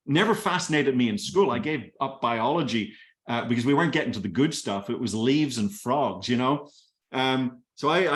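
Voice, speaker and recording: A man in his forties from Northern Ireland with a light Belfast accent, giving an enthusiastic motivational talk on a group call, telling his story with many fillers and restarts. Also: medium pitch. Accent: light Belfast Irish. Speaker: company leader speaking on a kickoff call.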